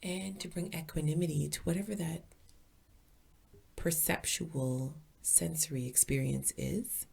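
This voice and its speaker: Leading a guided meditation, this female teacher speaks in a low register with a soft, breathy tone, keeping everything calm, soothing and deliberate.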